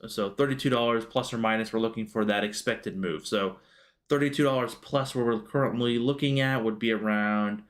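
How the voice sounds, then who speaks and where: A man with a mid-range, slightly bright voice hosts a stock market livestream. He talks casually through the charts, rambling loosely with lots of fillers and restarts.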